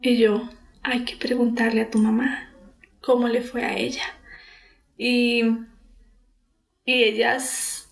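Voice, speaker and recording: A woman's voice: sits high, a bit bright, poor audio. A woman therapist, telling about a therapy case and retelling its dialogue, with many fillers and restarts.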